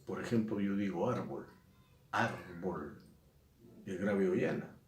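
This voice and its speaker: A male teacher, explaining a lesson slowly and repeating and stressing key words. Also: fairly low pitch, fairly even intonation, warm tone. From Peru. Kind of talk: recorded lesson. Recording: echoey room, mic at a distance.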